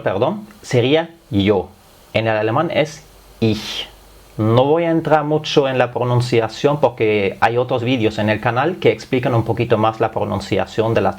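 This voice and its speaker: A man whose first language is German, speaking Spanish with a slight German accent, patiently teaching a language lesson step by step. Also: mid-range voice. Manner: patient, step-by-step explaining with frequent "es decir". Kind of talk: explanatory lesson.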